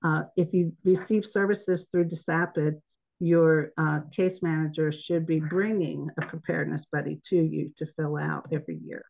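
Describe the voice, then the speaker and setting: A woman's voice: low voice, steady tone, normal speed, creaky, a little mellow. A woman giving an informal online presentation, chatty and laughing at her own slip-ups, heard over a video call. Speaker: webinar presenter. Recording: dull lo-fi webinar audio.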